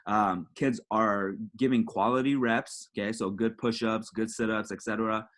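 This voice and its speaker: A man, a high school football coach, giving a conversational clinic presentation to other coaches, often checking in with "right?" and repeating "again". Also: steady tone, moderate pace, fairly bright tone.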